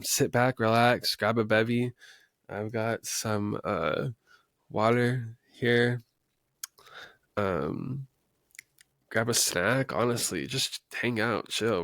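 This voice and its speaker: Gravelly-voiced young man chatting casually. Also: lowish voice, a bit bright, no room sound, studio quality. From West Texas, USA. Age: 20s. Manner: rambling, chatty, with frequent ums and small laughs. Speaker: podcast host. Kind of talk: casual unscripted podcast talk.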